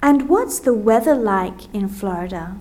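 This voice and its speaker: An Australian woman presenting a scripted language-lesson dialogue, speaking carefully and clearly for learners. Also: medium pitch, lively intonation, mellow. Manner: slow, carefully articulated, as if for learners.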